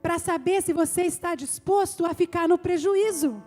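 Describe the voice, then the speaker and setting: A woman's voice: very high voice, normal speed, darkish tone, faint music behind. A woman pastor preaching a live church sermon, emphatic and building her points through repeated phrases. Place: church service.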